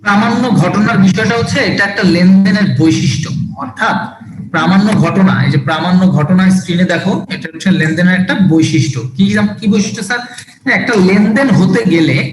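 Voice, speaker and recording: A man teaching an online accounting class, explaining step by step and repeating the key terms, his voice booming with a strong room echo from a small closed room. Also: fast. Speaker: accounting tutor. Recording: very echoey room with background noise.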